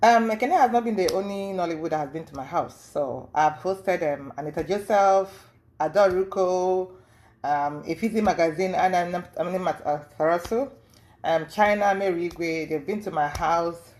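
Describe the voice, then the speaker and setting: A woman telling her story in a casual interview, rambling with many fillers and acting out what others said in a high voice. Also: normal speed, darkish tone, a little hiss or hum. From lives in the US. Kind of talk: casual storytelling recounting events.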